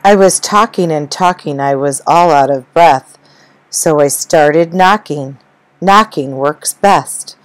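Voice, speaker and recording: A woman reading as a greedy male seagull from a storybook, bragging and insisting on more fish. He speaks slowly in rhyme, low and steady. The sound is dry and close. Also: no room sound, poor audio. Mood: insistent. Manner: boastful, insistent. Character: hungry demanding male seagull.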